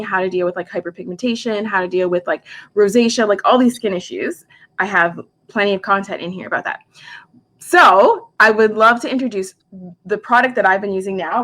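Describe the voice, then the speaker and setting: Medium-pitched and fairly bright, a woman in her forties, working as a makeup artist and skincare specialist, hosts a casual live product chat from home. She talks chattily, uses "like" heavily, and tosses in quick asides.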